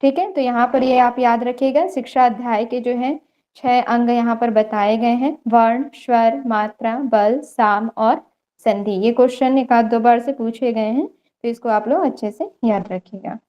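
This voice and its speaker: A woman's voice: fairly high pitch, measured pace, muffled recording. A young woman teaching an online yoga theory class, explaining step by step and checking in often with her students. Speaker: yoga lecturer.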